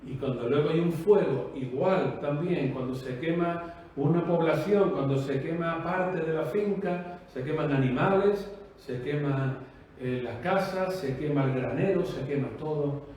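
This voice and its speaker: Emphatic high-voiced preacher in an echoey room. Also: male voice, unhurried, darkish tone, recorded from a distance, a little hiss or hum. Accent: Spanish from Spain. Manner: emphatic, rhetorical questions, repetitive cadence. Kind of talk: sermon.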